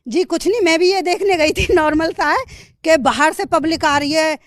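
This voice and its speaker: A housewife, speaking bluntly and boldly as an interviewee. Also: female voice, very high voice, normal speed, no echo. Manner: blunt, outspoken and bold. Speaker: interviewee, neighbor. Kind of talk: casual interview chat.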